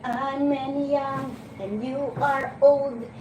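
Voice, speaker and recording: Her voice sits high with fairly even intonation: a woman in her forties from the Philippines, Filipino-accented, hosting a livestream amid background noise. She's chatty and teasing with her audience, laughing frequently and breaking off to restart. The setting sounds roomy, captured from a distance with audible ambience.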